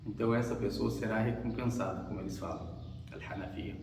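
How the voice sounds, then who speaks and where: A man's voice: fairly low pitch, a little fast, creaky, background noise. A man giving an earnest sermon, retelling stories and acting out quoted dialogue as he preaches. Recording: echoey hall, far from the mic.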